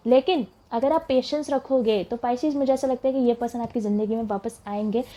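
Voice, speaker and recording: A woman's voice: on the high side, brisk, warm tone. A young woman giving a casual tarot reading, chatting and mixing English phrases into her talk. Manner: chatty, mixes English words into Hindi, laughs as she talks. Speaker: tarot reader.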